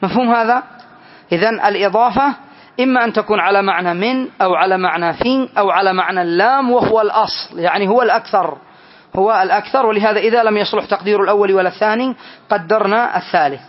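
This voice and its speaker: A man with a high voice leads a grammar lesson, explaining each example slowly and testing his students with questions. The recording sounds dull and lo-fi, like an old classroom lecture tape. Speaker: teacher of Arabic grammar.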